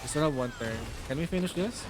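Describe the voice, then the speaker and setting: A young man giving casual gaming commentary as a streamer, excitable, swearing often and reacting fast. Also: on the high side. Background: game music.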